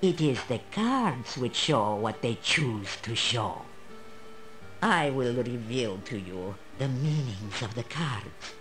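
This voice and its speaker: Old female fortune teller, video game character, slow solemn delivery, sweeping intonation, mysterious, proud. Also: a bass voice, full character voice.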